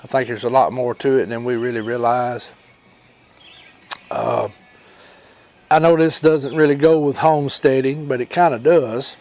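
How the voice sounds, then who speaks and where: A man with a rural Alabama accent tells personal stories in an informal fireside storytelling style, folksy and rambling, pausing often and recounting who said what. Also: mid-range voice, steady tone, darkish tone. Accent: Southern US, rural Alabama. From Alabama, United States. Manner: folksy, rambling, with pauses and reported dialogue. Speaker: storyteller and homesteading channel host.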